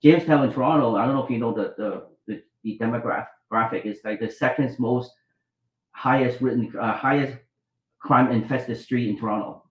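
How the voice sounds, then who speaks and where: As an interview guest, a middle-aged man from Vietnam who is both a doctor and an author recounts his life, restarting often and performing the dialogue he quotes. He speaks at a normal speed in a mid-range voice. The sound is reverberant, with the highs cut off.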